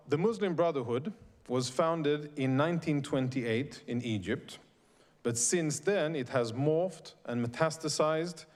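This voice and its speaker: A middle-aged man from Sweden, an invited speaker delivering a prepared speech to a live audience in a deliberate, emphatic way. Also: medium pitch.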